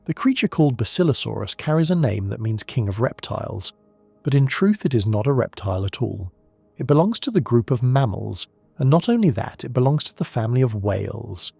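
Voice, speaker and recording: Gravelly man narrating a nature documentary. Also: medium pitch, a little mellow, no echo.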